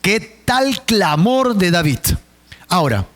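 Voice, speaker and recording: Male pastor, higher voice, vivid dramatic sermon delivery. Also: very animated, takes it slowly, a bit bright. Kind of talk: Bible study sermon.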